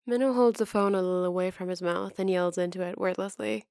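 Woman reading fanfic out loud, steady and even, kinda gravelly voice, dry close mic. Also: on the low side, brisk, dry recording. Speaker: narrator. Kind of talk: reading fan fiction aloud.

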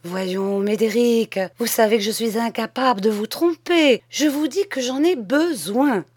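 A violent-tempered village mayor from an old storybook, all bluster and pleading, as a woman puts him on. The voice sits well above the reader's own and comes across loud and strained, tumbling out in stammered bursts. It is dry and close, with no room around it. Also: on the high side, a little slow, breathy edge, no echo, pitched above the performer's own voice. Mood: insistent. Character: middle-aged male village mayor, violent-tempered, desperate.

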